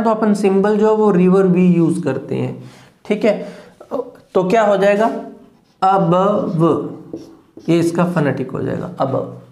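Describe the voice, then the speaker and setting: A man who speaks as his teaches English phonetics, going very slowly and saying each word several times over. He often stops to ask whether the class follows. His voice carries the echo of a hard-walled room. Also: high voice, a little mellow. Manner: slow, repeats each word several times and checks with "clear?". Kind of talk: phonetics lesson. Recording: echoey room.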